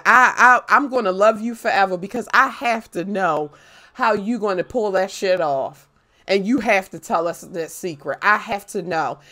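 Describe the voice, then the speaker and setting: Woman, young adult, slightly high-pitched, live streamer, casual chat, animated, swears a lot. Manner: animated, profane storytelling. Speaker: gaming livestreamer.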